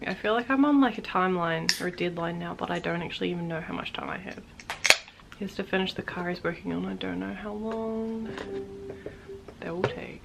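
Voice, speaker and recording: A young woman, chatting casually to camera in a home vlog, rambling as she thinks out loud. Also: on the low side, a little fast, vocal fry, loud music behind the voice, low-quality recording. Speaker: vlogger.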